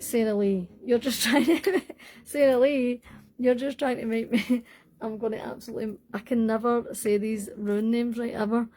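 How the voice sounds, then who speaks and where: A young Scottish woman with a Scottish accent hosts a casual livestream from home on a phone mic, answering viewer comments. She rambles, using lots of fillers and self-corrections, in a warm voice on the high side.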